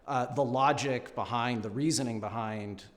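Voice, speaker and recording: A man answering questions at an acting audition, polite, measured and thoughtful. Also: medium pitch, long reverb tail. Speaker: actor at an audition. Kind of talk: unscripted audition interview.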